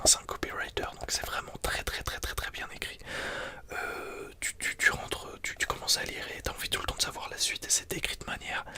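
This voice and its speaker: A person speaking in a hushed library whisper, casually explaining things in an ASMR book review. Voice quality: soft, unvoiced whisper. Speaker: ASMR video creator.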